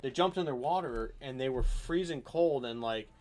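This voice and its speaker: Animated rambling podcast host, man. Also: medium pitch, moderate pace. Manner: rambling, animated, checks if listener follows. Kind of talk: casual hunting podcast chat.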